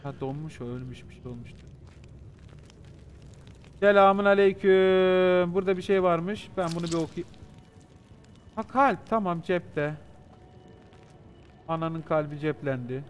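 A gaming streamer with a high-pitched voice plays a horror game live, speaking a little slowly and pausing often. He's excitable, cracking jokes, swearing freely and chatting with his viewers as he goes. There's a little hiss or hum on the recording.

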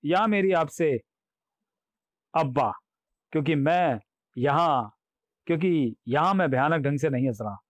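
A man's voice: expressive, measured pace, pauses often, dry recording. A man doing a gleeful, gloating comic-book demon. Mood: teasing. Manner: booming laughs, sing-song chants, teasing asides to readers. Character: boastful male demon, gleeful and menacing. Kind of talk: comic audiobook voice acting.

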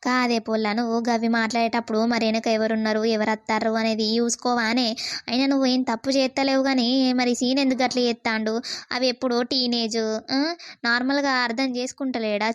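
A woman's voice: a little high, flat delivery, brisk, smooth, dry recording, clean studio sound, natural voice. A woman voicing a concerned young woman friend in a cartoon, giving advice in a Telangana Telugu accent. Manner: concerned, advising.

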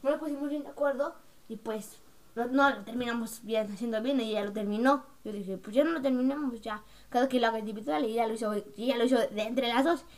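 A young girl with a high voice chats casually to her camera. She rambles and teases, and she switches into quick impressions of her classmates' lines. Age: young, school-age. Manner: chatty, mocking, acts out classmates' lines. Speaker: vlogger.

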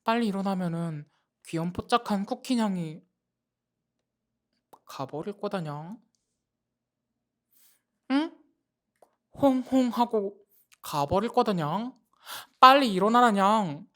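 A woman's voice: medium pitch, lively intonation, takes it slowly, long pauses, darkish tone. A woman voicing a cute, bossy little cat mascot for an alarm ringtone. She tacks a meow onto every phrase. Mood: coaxing.

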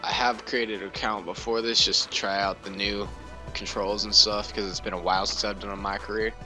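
A man's voice: on the low side, level tone, a little fast, music in the background. A young man giving casual let's play commentary on a video game. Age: young adult. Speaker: gaming video host.

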